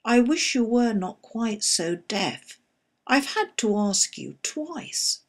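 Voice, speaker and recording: A woman voicing a gruff, unfeeling male carpenter in a verse story, blunt and grumbling. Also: fairly high pitch, very animated, takes it slowly, exaggerated voice.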